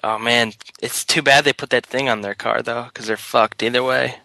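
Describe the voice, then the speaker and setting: A man's voice: medium pitch, fairly even intonation, normal speed, creaky, pushed and bright, no echo, low-quality recording. A man co-hosting a casual watch-along, cracking jokes and asking mocking questions about the show. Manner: joking, asks rhetorical questions.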